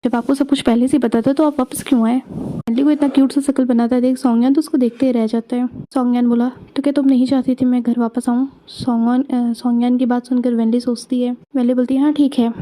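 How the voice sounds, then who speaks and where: A woman casually retelling a romance story, summarizing scenes and reading the dialogue flatly. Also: a little high, low-quality recording.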